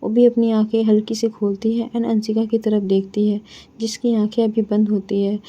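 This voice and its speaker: A woman narrates a story in a simple, flowing tone, her voice dark and mellow. She keeps a fairly flat melody, and the sound comes through a dull, lo-fi recording. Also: medium pitch.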